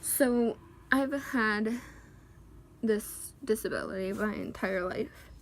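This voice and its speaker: A woman talking casually to camera as a vlogger, hesitant, with many pauses and ums, at home. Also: mid-range voice, a little hiss or hum.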